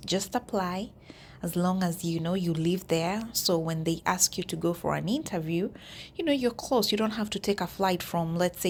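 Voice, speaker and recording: A woman vlogger with a lowish, gravelly voice chats straight to her viewers. Her talk is casual and direct as she walks through listings. A faint hiss of noise sits under the recording. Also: darkish tone. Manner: chatty, addresses viewers directly. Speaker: YouTube vlogger. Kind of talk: casual walkthrough of job listings.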